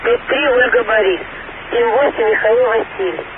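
A man's voice: extremely high pitch, moderate pace. A man reading out a coded message letter by letter over a radio, repeating it and asking if he is heard. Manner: repetitive call-sign spelling with phonetic names. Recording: tinny radio line with hiss.

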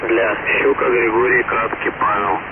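A low-voiced man reads out a coded message over a helmet radio, speaking in a flat, measured way. The sound is thin and tinny, as over a radio link, and heavy hiss lies over it. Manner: flat, measured spelling with the phonetic alphabet. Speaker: radio operator.

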